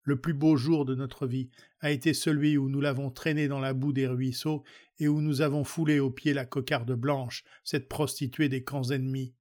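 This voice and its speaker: A man reads an old speech aloud at a steady, measured pace. His pitch sits in an ordinary middle register and barely moves, so the delivery stays level and even. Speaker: reader. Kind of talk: reading a historical speech aloud.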